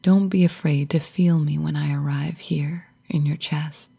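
A tender, fierce spirit of fear speaks to a girl in a hushed, loving whisper, as a woman narrator gives it voice. The tone is low and gravelly, slow and breathy. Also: steady tone, full character voice. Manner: soft, loving, whispery address.

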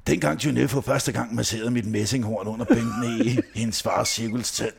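A man's voice: mid-range voice, fairly even intonation, creaky, noisy background. A man telling comic stories in a slangy, profane way, with casual asides, as a podcast co-host. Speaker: podcast co-host reading a satirical diary.

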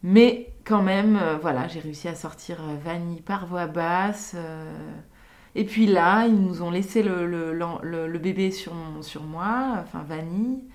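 A young woman with a slightly low voice recounts her birth stories in a soft, intimate, reflective way. She talks unscripted and halting, stopping often on fillers as she gathers her thoughts. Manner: hesitant, many pauses and fillers. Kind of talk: unscripted personal testimony.

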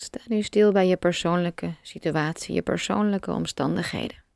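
A woman leads a guided meditation in a low, gravelly voice. She talks slowly and softly, leaving long pauses, and the recording is close and dry. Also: no echo. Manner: slow, soft and calm, with long pauses.

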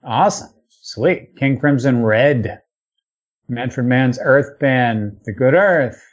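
A man hosting a podcast, talking casually and rattling off one title after another. He sounds relaxed and loose, dropping the odd swear word. The recording is dull and slightly lo-fi. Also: medium pitch, slow. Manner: rattles off long lists, with fillers and profanity. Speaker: podcast host. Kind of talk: casual chat listing albums.

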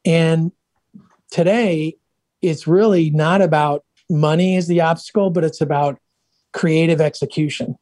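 Middle-aged male guest, slightly higher-pitched, chatty storyteller, dry close sound. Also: steady tone, measured pace, a little mellow, no room sound. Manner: upbeat, chatty anecdotes with many restarts. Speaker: guest, software entrepreneur. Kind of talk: casual interview storytelling.

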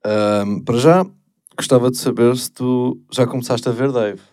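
A man's voice: mid-range voice, steady tone, moderate pace, darkish tone. A man chatting casually as a podcast host, informal and slangy, often hesitant. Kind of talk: casual chat.

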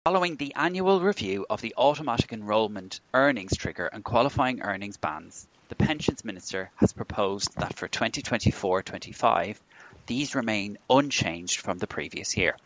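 A man co-hosting a podcast, giving a steady, formal scripted summary of pension news. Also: lowish voice, normal speed, rough recording. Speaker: podcast co-host.

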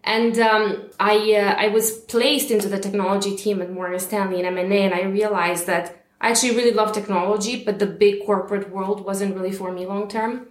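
A woman in her thirties, originally from Romania, talks as a guest on a podcast, with a voice of middle pitch. She speaks in a warm, chatty way, laughing often and filling pauses with small hesitations. The recording has a roomy echo. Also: steady tone. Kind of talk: interview podcast.

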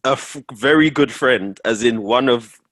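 A man's voice: medium pitch, a little slow, a bit bright, dry recording. A man in his twenties with a London accent and roadman slang, chatting casually among friends. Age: 20s. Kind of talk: casual group chat.

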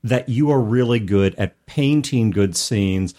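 A podcast co-host talks casually about tabletop role-playing, leaning on everyday analogies to explain things. He speaks unhurriedly in a lowish, warm voice.

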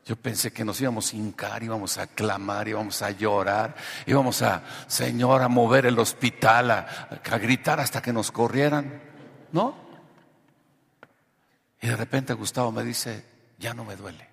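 A man's voice: fairly low pitch, fairly even intonation, moderate pace, creaky, a bit bright. A man with a Mexican accent preaching a sermon and telling a testimony, shifting from storytelling into emphatic preaching. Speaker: pastor. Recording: long hall reverb.

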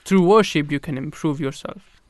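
A man co-hosting a radio show who comments in halting sentences full of hesitations. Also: fairly high pitch, no room sound. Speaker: radio co-host. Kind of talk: studio discussion.

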